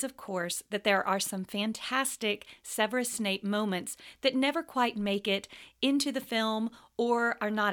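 A woman's voice: medium pitch, bright, forceful tone. Woman host with a teacherly manner. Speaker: podcast host and literature teacher. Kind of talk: podcast intro and reading aloud.

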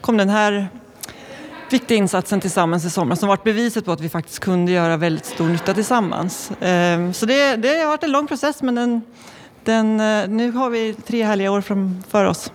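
A man's voice: high voice, brisk, slight background noise. A man from the Red Cross speaking casually in an interview, with frequent hesitations. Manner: hesitant, with many ehs.

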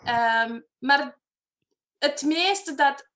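A woman in her thirties or forties from Romania with a Romanian accent, a facilitator talking as a guest in a casual online chat, lively and laughing, sometimes searching for words. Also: high-pitched, drawn-out words.

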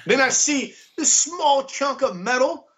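An American man telling a story in a casual chat, animated and laughing, swearing and saying "bro" a lot. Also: very high-pitched, unhurried, dull audio, a little hiss or hum. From United States.

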